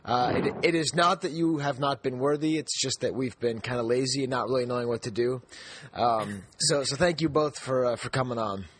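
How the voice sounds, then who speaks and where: A man's voice: medium pitch, brisk, fairly bright tone, a little hiss or hum. A man hosting a podcast, talking in a friendly, jokey way with lots of restarts. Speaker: podcast host. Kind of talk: casual podcast chat.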